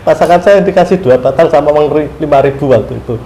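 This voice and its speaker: A man telling a long story in a casual interview, animated, often laughing and acting out his prayers. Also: fairly high pitch, fast talker. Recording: roomy room with faint ambient noise.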